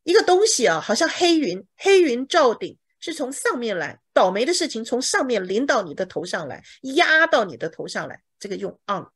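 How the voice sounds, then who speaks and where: A woman's voice: a little high, big pitch swings, normal speed, hardly any pauses, husky. A woman teaching a bible English lesson in Mandarin, explaining each word and checking with her students. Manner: acts out examples dramatically.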